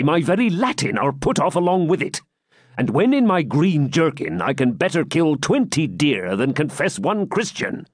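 A man's voice: fairly high pitch, slightly rough, dry recording, clean studio sound, voice pushed up, full character voice. A man voicing a jovial but indignant hermit friar, blustering and emphatic.

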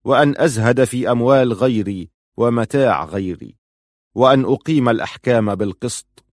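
A man voicing a commanding male army chief, declaiming forcefully in an audiobook reading. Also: mid-range voice, dry recording, clean studio sound, lightly acted. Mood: solemn, rousing.

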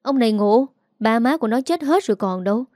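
A woman's voice: a little high, expressive, darkish tone, dry recording, clean studio sound, natural voice. A woman with a Southern Vietnamese accent voicing a kindly but scolding old village woman. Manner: scolding, brisk.

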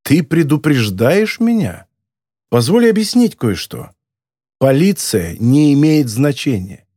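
A man voicing a condescending, sinister bald American man in an audiobook, speaking in a cold, mocking, deliberate way. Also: a little high, big pitch swings, dark tone, breathy edge, no echo, clean studio sound, full character voice. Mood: scornful. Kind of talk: audiobook character voice.

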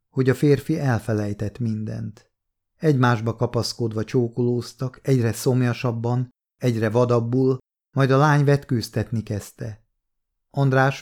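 A man narrating a novel as an audiobook, reading in a calm, measured way. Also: medium pitch. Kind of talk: scripted narration.

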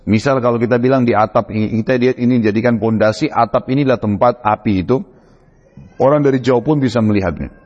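A male preacher telling a religious story in an animated, conversational way, with frequent asides to his listeners. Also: medium pitch, fast talker. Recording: dull echoey hall recording.

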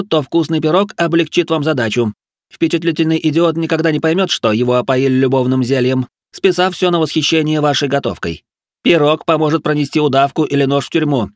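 A man voicing a pompous, ranting aristocrat who lectures and barks cooking orders in a shrill, squealing voice. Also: no room sound, studio quality, natural voice. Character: shrill manic aristocratic male drill-sergeant cook. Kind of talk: audiobook character voice.

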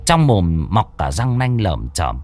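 A man's voice: low voice, slow pace. Male storyteller reading a ghost story. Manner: lively, theatrical reading.

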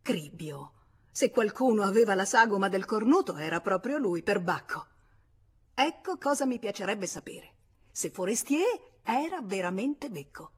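A woman voicing a jealous young husband in a read novel, pressing and coaxing in a slightly husky voice. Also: sits low, lively intonation, takes it slowly, full character voice. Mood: needling.

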